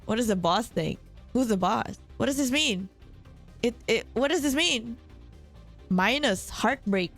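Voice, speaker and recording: A young woman vtuber chatting excitedly and distractedly while playing a game. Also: on the high side, measured pace, pauses often, faint music behind. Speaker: vtuber streamer. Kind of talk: gaming stream commentary.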